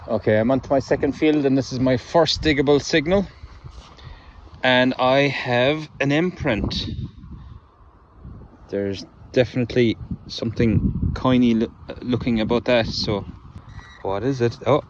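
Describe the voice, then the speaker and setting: Casual middle-aged guy chatting to the camera out in a windy field, medium pitch, bit of faint noise behind. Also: unhurried, lo-fi sound. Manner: chatty, talks to viewers while digging. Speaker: metal detecting vlogger. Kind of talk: casual outdoor commentary. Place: open farm field in wind and rain.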